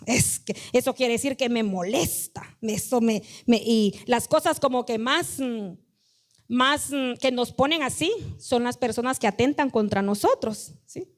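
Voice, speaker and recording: Speaking straight to her congregation, a woman pastor delivers a sermon with conversational emphasis and dramatizes quoted voices. Her voice is on the high side.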